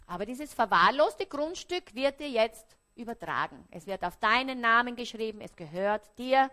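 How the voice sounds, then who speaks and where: A woman with an Austrian accent, preaching a parable on stage before an audience, often dropping to a hushed, quiet voice. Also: fairly high pitch, lively intonation, normal speed. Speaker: stage speaker.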